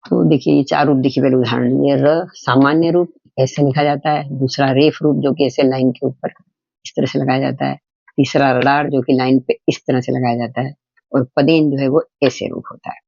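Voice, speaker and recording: Male teacher, patient and repetitive, with a gravelly, slightly high voice, recorded in a dry, muffled setup. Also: fairly even intonation, a little mellow, no room sound. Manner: patient, explains slowly with repetition and examples. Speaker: Hindi teacher. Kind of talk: step-by-step grammar lesson for children.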